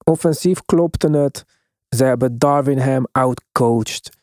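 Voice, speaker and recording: A male sports host with a relaxed, dark-edged voice at middle pitch. He talks casually but emphatically and slips English sports terms into his speech. The sound is dry and close. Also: slow, no echo. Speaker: podcast host.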